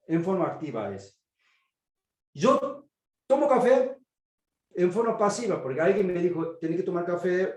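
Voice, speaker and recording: A man with a Korean accent teaches a grammar class in Spanish, his second language, and keeps asking "¿sí?" to make sure students are following. He teaches biblical Greek, and this is an online lecture. His voice is high-pitched and a little mellow, and the room echoes.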